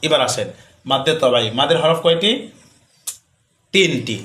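A man teaching Quran recitation rules, chanting drawn-out examples and then explaining quickly, asking questions and answering them himself. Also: on the high side, lively intonation, a bit bright. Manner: slow sung recitation alternating with rapid rule explanations.

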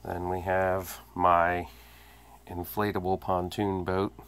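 Low-pitched and level, yet fairly bright in tone, this man's voice moves slowly as he walks through his cluttered home fishing workshop indoors. He films on a handheld phone, narrating casually and listing things plainly with hesitant fillers. Slight background noise is present.

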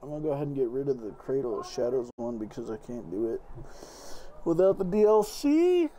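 A man's voice: medium pitch, sing-song, brisk, mellow, a little hiss or hum. A man casually narrating his gameplay as a streamer, rambling and swearing freely while sorting through his gear. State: has the hiccups. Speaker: gaming streamer.

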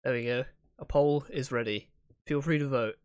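A man's voice: medium pitch, moderate pace, darkish tone, clear, resonant tone, no room sound. A young man chats casually on a live stream. His manner is playful and full of banter, picked up by a close desk microphone. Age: young adult. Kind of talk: casual chat with stream viewers. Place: small home room.

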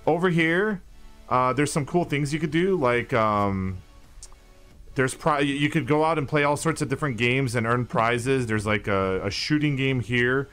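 A man's voice: mid-range voice, normal speed, fairly bright tone, clear, resonant tone, soft background music. A man streaming, chatting casually and swearing as he gives a guided tour.

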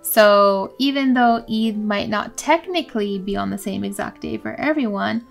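A woman's voice: mid-range voice, moderate pace, vocal fry, soft background music. A woman in her thirties presenting an educational children's show as host and teacher, encouraging and explanatory. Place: small room indoors.

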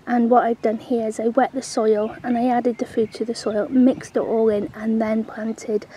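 A low-quality recording with a little hiss or hum captures a woman vlogging casually about her sunny outdoor allotment, filming on a handheld camera while staying off screen. Her slightly high, dark voice shows little pitch movement at a moderate pace, and she rambles with plenty of ums.

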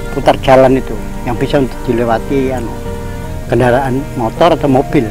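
A man's voice: mid-range voice, fairly even intonation, a little fast, poor audio. An older man, a village elder, answering interview questions plainly and agreeably, with hesitant fillers, outdoors on a porch. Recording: music playing under the voice.

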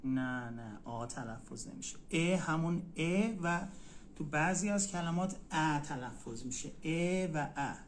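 Male teacher on a live stream, slightly high voice, patient and repetitive, faint room noise. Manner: patient, repeats words slowly. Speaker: language teacher. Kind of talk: casual live-stream language lesson.

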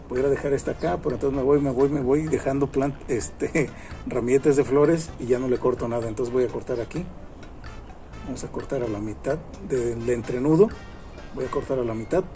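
A man in his thirties talks his viewers through a gardening task in an outdoor garden, close to the camera. His voice is mellow and mid-pitched, and he repeats himself often, with lots of fillers. Faint music plays underneath. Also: normal speed, pauses often. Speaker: gardening channel host. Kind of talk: casual gardening tutorial. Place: outdoor garden among plants.

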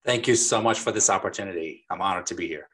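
A man from Lebanon in his forties, a business owner, talking casually and warmly as a guest on a video call, with plenty of fillers and restarts. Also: low-pitched, fast. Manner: friendly, talkative, frequent fillers and restarts. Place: small dark home studio. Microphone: desk microphone on a boom.

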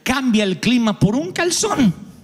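High-voiced Argentine pastor preaching. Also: male voice, big pitch swings, unhurried, slightly rough, in a large hall. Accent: Argentine Spanish. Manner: humorous, acts out quoted voices, sudden shouts. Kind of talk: sermon.

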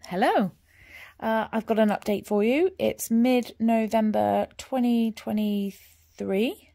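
A woman's voice: on the high side, slow pace, vocal fry, warm tone, no room sound. Chatty woman murmuring over her stitching. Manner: chatty, rambling, drops to murmurs while counting stitches. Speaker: cross-stitch vlogger. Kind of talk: casual progress update. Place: home, at her stitching frame.

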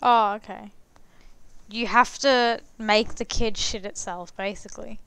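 A woman's voice: mid-range voice, steady tone, unhurried, fairly bright tone, clear, resonant tone, no echo. A young woman, chatting blunt and crude as she plays a life-sim game, swearing and laughing freely. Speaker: gaming streamer. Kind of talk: casual gameplay commentary.

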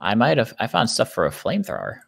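A young man with a somewhat low voice plays a modded game and chats with his brother. He is excitable, laughs often and rattles off his thoughts in quick bursts, with keyboard clicking faintly behind him. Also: gravelly. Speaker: gaming channel host. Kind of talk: casual Minecraft let's play chat.

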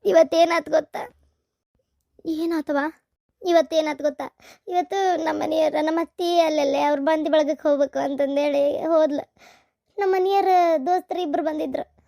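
A woman's voice: high-pitched, fairly even intonation, normal speed, creaky, dark tone, dry recording, clean studio sound. A woman voicing a tearful young married woman in a cartoon, pleading in a North Karnataka Kannada accent. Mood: aggrieved. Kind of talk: cartoon voice acting.

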